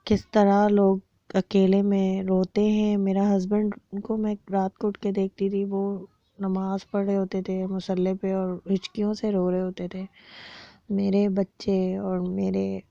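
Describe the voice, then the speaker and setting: A woman gives a personal testimony in a very dark, mellow voice that stays flat and even. She speaks softly and reflectively, often pausing with fillers. The recording is dry and a little dull. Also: medium pitch, gravelly, dry recording. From Pakistan. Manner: soft, reflective, halting with pauses and fillers. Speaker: cancer survivor sharing her story.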